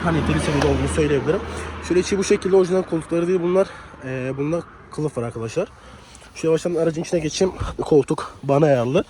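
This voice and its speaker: A young man with a slightly hoarse voice from a cold, chatting casually as he walks around a car outdoors and reviews it, often dropping a filler word. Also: a little high, warm tone, a little hiss or hum. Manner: chatty, leans on the filler "hani".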